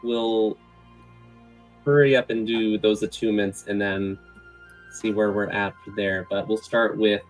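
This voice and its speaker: A man runs a fantasy tabletop game as its game master, describing scenes conversationally. His voice sits fairly low and takes its time, with soft music behind. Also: little pitch movement, a little slow, pauses often.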